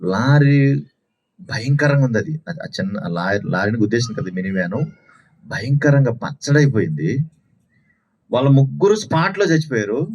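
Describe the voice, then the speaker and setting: A man's voice: mid-range voice, very animated, normal speed, long pauses, darkish tone. A man preaching a sermon at a Sunday house meeting, telling stories and asking rhetorical questions with lots of repetition. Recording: dull lo-fi recording.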